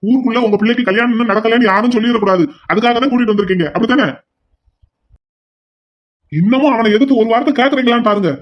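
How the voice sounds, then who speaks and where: A man's voice: extremely high pitch, rapid-fire, pauses often. A man voicing an angry elder son in a cartoon, lecturing his family at length. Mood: indignant. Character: indignant elder son defending his wife. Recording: dull lo-fi audio.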